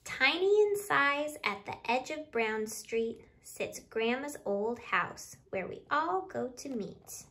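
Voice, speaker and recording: A storytime host from the library, a woman in her thirties, speaks in a high, animated, bright and forceful voice, taking it slowly with hardly any pauses. She reads a children's picture book expressively to young listeners in a small living room by a window, standing a few feet from the camera.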